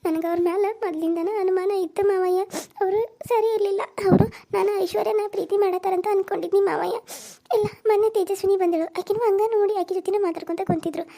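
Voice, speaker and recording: A woman's voice: very high voice, steady tone, quick pace, vocal fry, mellow. Tearful frightened young woman. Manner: tearful pleading. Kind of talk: cartoon serial voice acting.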